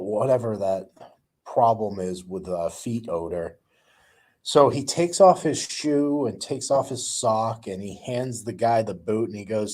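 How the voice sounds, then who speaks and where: Man, casual live chat host, low voice, slow unhurried delivery, rambling with groans and fillers. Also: warm tone.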